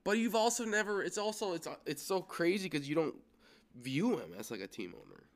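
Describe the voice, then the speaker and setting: A man's voice: high voice, animated, a little fast, creaky. A man co-hosting casual sports chat, musing and hedging, laughing easily.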